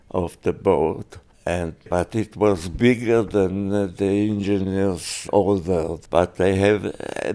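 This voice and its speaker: An older man giving oral history testimony, speaking haltingly with many pauses and restarts. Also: low-pitched, a little mellow, smooth. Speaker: interviewee.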